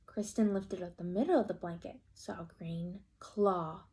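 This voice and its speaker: A woman reading a picture book aloud to children like a teacher, stopping to ask the listeners questions and have them make predictions. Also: lowish voice. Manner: slow and expressive, asking children questions. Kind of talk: children's read-aloud storytime.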